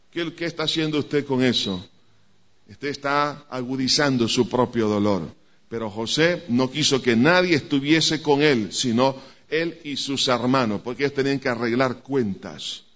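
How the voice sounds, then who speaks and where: A man's voice: fairly high pitch, a bit bright. Emphatic male preacher on a dull recording. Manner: emphatic, addresses congregation directly. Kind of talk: sermon.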